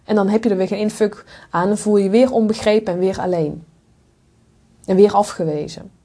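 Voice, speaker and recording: A woman with a mid-range, darkish voice speaks a little quickly in a direct motivational monologue. A podcast host and coach, she offers frank, blunt advice, tossing in swear words and English asides.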